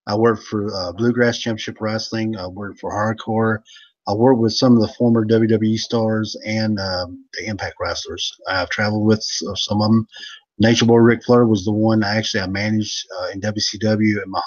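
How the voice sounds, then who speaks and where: A man's voice: on the low side, fairly even intonation, normal speed, lo-fi sound. A man who used to wrestle professionally, telling rambling joking stories in a casual chat over a video call. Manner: rambling storyteller, laughs a lot. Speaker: former pro wrestler and manager, guest.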